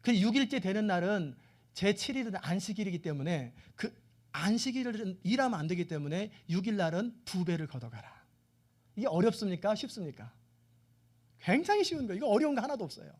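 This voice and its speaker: High, lively-voiced male preacher. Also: fairly quick. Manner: animated storytelling, acting out voices and questioning the listeners. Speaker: pastor. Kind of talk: sermon.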